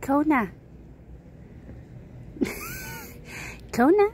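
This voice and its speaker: A woman's voice: very high voice, huge pitch swings, very slow, slight background noise. A woman talking tenderly and teasingly to street cats outdoors while filming them. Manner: doting, teasing, laughing softly. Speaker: cat-feeding vlogger. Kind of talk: casual talk to street cats.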